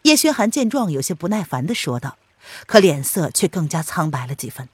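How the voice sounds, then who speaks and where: A woman narrating an audiobook in an expressive storytelling read. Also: sits low, a little fast, breathy edge, dry recording.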